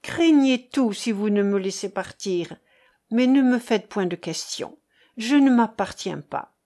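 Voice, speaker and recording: A woman's voice: mid-range voice, expressive, a little slow, mellow. A woman reading the part of an old male harper who is guilt-haunted, fearful and pleading, within a storybook narration. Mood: anguished pleading. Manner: anguished, pleading.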